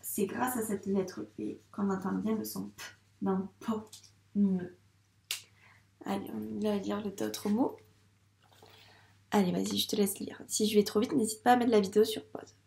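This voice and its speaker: A woman's voice: medium pitch, steady tone, measured pace, gravelly, long pauses, warm tone, roomy sound, a little hiss or hum. A French-accented woman teaching young children to read, speaking patiently and sounding out syllables with care. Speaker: primary school teacher. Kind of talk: slow, clear teaching video for young children.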